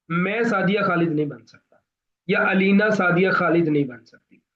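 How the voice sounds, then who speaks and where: High-voiced male coach, deliberate lecture. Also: highs cut off. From Pakistan. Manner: deliberate, explanatory, addresses students directly. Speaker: interview coach. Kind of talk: online class lecture.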